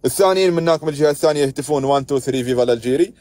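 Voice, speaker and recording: A man's voice: on the high side, racing, darkish tone, no room sound. A man with an Emirati accent hosting a heated live stream, scolding and arguing with callers. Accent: Emirati Arabic. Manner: exasperated, scolding, keeps interrupting callers.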